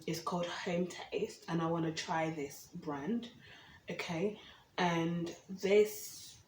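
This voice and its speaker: A Ugandan woman, a cooking vlogger, chats casually in her home kitchen as she preps food, often checking in with "okay?". Her voice is fairly low with a darkish tone. The roomy recording comes from a distant camera mic, with faint ambience and slight background noise.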